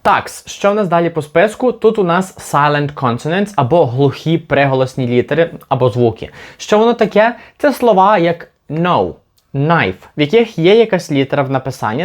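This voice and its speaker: A man from Ukraine teaching an English lesson, patiently repeating example words slowly to demonstrate them. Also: medium pitch. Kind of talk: language lesson.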